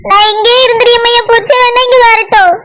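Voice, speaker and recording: A woman's voice: very high voice, steady tone, a little fast, fairly bright tone, a little hiss or hum. A woman voicing a sobbing young married daughter in a cartoon, with a Kanyakumari Tamil accent and a begging manner.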